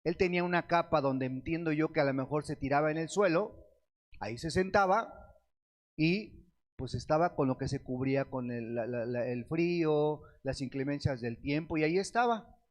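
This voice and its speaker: A man preaching a sermon, reading scripture slowly and asking the congregation questions that he answers himself. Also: fairly high pitch. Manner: reads scripture aloud with slow stretched words; addresses the congregation as beloved brethren.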